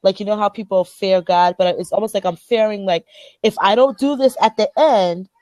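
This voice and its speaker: A woman with a Liberian accent hosts a motivational group chat, speaking earnestly and emphatically and often repeating phrases to drive her point home. Her voice is medium-pitched and a little mellow, at normal speed, in a dry recording.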